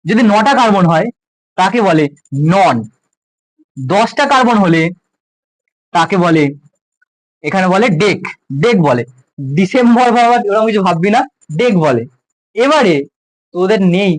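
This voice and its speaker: This science teacher's high-pitched voice carries a West Bengal Bengali accent as he lectures school students in a relaxed, joking manner. He speaks to them like close juniors. The recording is poor quality with no echo.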